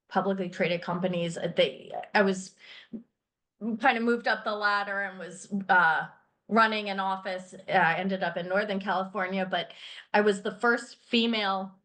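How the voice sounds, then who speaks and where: With a medium-pitched, fairly bright voice, this middle-aged woman, raised in Thailand and England, chats casually as an interview guest about being a finance company founder. She's candid, quick to laugh, and leans on many fillers.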